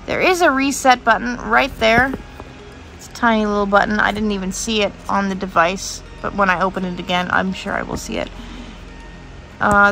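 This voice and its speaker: A woman's voice: medium pitch, vocal fry, a bit bright. A woman with a congested, sick-sounding voice, casually chatting as she unboxes and describes a handheld toy in a vlog. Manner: chatty, unhurried, describing things as she goes. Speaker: vlogger.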